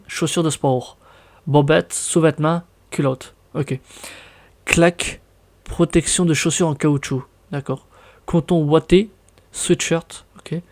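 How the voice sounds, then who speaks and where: A young man from France with a French accent, chatting casually in a vlog, reading out words and reacting with surprise. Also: a little high. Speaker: vlogger.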